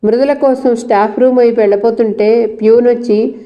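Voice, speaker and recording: A woman narrating a novel in a steady storytelling manner. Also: a little high, normal speed, highs cut off.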